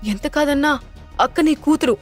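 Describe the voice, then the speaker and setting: A woman's voice: sits high, moderate pace, faint music behind, voice pushed up, lightly acted. A woman doing a mocking younger sister. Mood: teasing. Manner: teasing, mocking.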